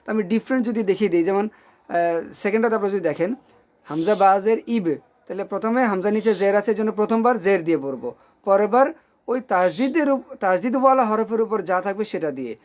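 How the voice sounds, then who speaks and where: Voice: medium pitch, animated, a little mellow. A Quran reading teacher giving a recorded online lesson, patiently drilling syllables one by one and often asking if the listener is following. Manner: patient, checks in often with "okay?"; drills syllables slowly and clearly.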